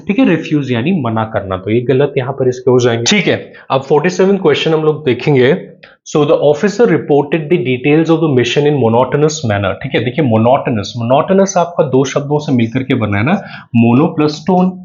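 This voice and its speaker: A man's voice: on the high side, darkish tone. A man teaching English grammar for an exam, mixing English terms into his explanations and checking in often with "theek hai". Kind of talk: exam-prep grammar lesson. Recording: slightly dull lo-fi audio.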